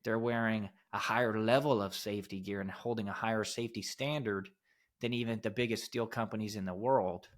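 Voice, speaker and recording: A man's voice: on the low side, fairly even intonation, brisk. A man co-hosting a podcast who talks in a blunt, emphatic way, with some casual swearing. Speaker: podcast co-host, steel fabrication company owner.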